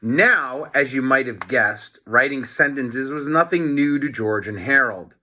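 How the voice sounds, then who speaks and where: A man reads a children's storybook aloud, slowly and deliberately, in a bright, mid-pitched, expressive voice, adding plain explanatory asides as he goes.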